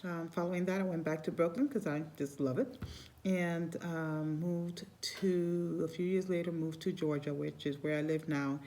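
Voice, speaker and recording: A middle-aged Cuban woman who is a Santeria priestess chats casually on her spiritual vlog, rambling and often restarting her phrases. Her voice is lowish and warm, with a steady tone and a moderate pace.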